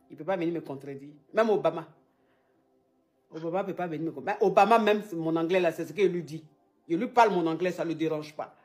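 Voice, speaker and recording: A woman who is a relationship coach hosts an advice show, chatting casually and teasingly with a caller and repeating her phrases. Her voice is lowish and a little mellow.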